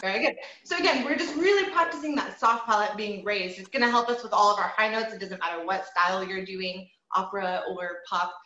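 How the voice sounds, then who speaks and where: A woman with a medium-pitched, bright, pushed voice talks fairly quickly with few pauses. She's a voice teacher leading a group singing lesson, patient and encouraging, often saying "um" and demonstrating by singing. The audio is roomy and slightly dull.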